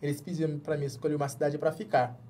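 A man with a fairly high, dark-toned voice speaks quickly in a level tone, and a little hiss or hum is audible. In his thirties and from Jamaica, with a Jamaican accent, he's a journalist guesting in a small padded studio, giving casual interview talk and frequently restarting words as he searches in Portuguese.

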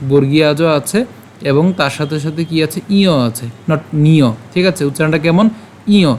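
Male teacher, fairly high voice, slow verse chanting, patient questions, faint hiss. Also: a little mellow. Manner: patient explaining with rhetorical questions. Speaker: Gita recitation teacher. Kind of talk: pronunciation lesson.

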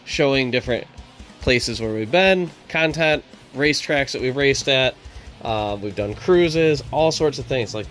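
A man's voice: mid-range voice, a bit bright. Laid-back man hosting a car vlog. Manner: laid-back, self-deprecating, rambling with fillers. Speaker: channel host. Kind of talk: casual vlog narration.

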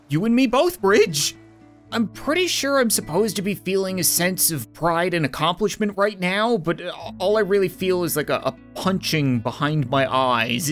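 A woman hosts a let's-play video, reacting animatedly as she builds and fails. She talks back to the game with dry sarcasm, and her voice sounds a little worn. Soft music plays faintly behind her. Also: medium pitch. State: straining voice. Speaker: gaming video host.

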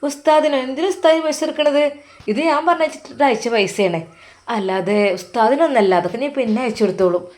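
A woman voicing a sharp-tongued young daughter-in-law who talks quickly and indignantly. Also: on the high side, close to an everyday voice.

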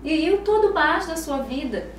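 A Brazilian Portuguese-accented woman explains things as a guest on a podcast, her fairly high voice bright with animated storytelling. She sits a little back from the mic in an echoey room, with faint ambient noise behind her. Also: normal speed, recorded from a distance. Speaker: psychologist guest.

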